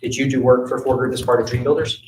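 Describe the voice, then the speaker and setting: A man working as an attorney, questioning a witness in a courtroom in a brisk, methodical way. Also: medium pitch, fairly even intonation, a little mellow, recorded from a distance, slight background noise. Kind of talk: courtroom examination. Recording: roomy courtroom audio from afar.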